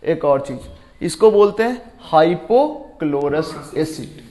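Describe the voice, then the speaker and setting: A male chemistry teacher with a high voice, speaking at an unhurried pace. He works through each point step by step, throws questions at his students and thinks aloud while recalling names. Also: animated, warm tone. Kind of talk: classroom lecture.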